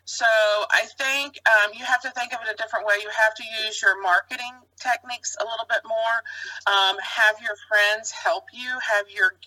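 A woman's voice: a little high, fairly even intonation, normal speed, sharp tone, dry recording, poor audio. A woman who co-owns a honey business, chatting casually with many fillers and restarts. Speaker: co-owner of a honey business, podcast guest. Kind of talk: casual chat.

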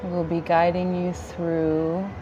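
Slow, low-pitched woman guiding meditation. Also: lo-fi sound, over music. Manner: calm, soothing, gentle delivery with long pauses. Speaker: yoga nidra guide. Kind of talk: guided relaxation meditation.

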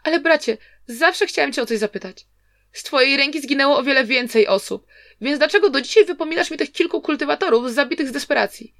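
A woman's voice: high voice, quick pace, a bit bright, no room sound, studio quality, pitched above the performer's own voice. A woman voicing a plaintive, scheming young nobleman. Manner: pleading, defensive questioning.

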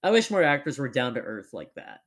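A man's voice: medium pitch, wildly swooping pitch, fairly quick, a bit bright. A young man hosting a casual chat, rambling with lots of fillers. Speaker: podcast host.

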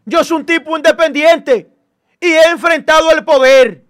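High-voiced heated man. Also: fairly bright tone. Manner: insistent, repeats quick denials. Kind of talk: heated panel debate.

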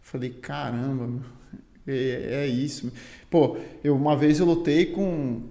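A man's voice: medium pitch, fairly even intonation, slow pace, mellow. A Brazilian man telling a story in casual, slangy chat as a guest, peppering his talk with filler words. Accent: Brazilian Portuguese. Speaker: guest, Muay Thai fighter and teacher. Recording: roomy, echoey sound.

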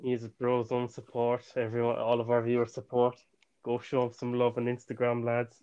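A man's voice: medium pitch, completely flat delivery, normal speed, mellow, clear, resonant tone, lo-fi sound. A young man co-hosting a podcast, teasing and laughing in casual chat. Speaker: podcast co-host.

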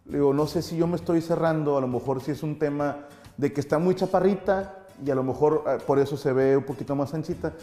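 Joking, profane Mexican comedian. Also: male voice, a little high, fast, mellow, roomy sound, soft background music. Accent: Mexican Spanish. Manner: joking, profane, teasing banter. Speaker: stand-up comedian. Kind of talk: casual podcast chat.

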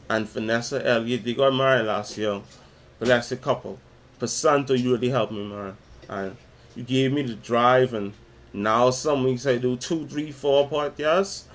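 A man's voice: mid-range voice, fairly bright tone. A man in his twenties with a Bahamian accent, hosting his own podcast, talking about faith and reciting spoken word poetry with dramatic intensity. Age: 20s. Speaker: podcast host.

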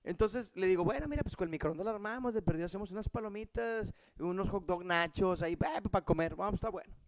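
A young man with a Mexican Spanish accent tells a story to a friend in a light, high voice. He laughs often and swears without a second thought. The sound is dry and close, with no room echo. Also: fast talker. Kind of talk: casual storytelling chat.

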